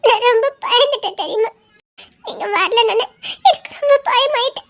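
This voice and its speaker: A woman's voice: extremely high pitch, normal speed, a bit bright. A woman voicing a shy, easily frightened young wife who giggles through her tears. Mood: tearful relief. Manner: bashful, teasing, tearful giggles. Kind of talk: audio drama acting.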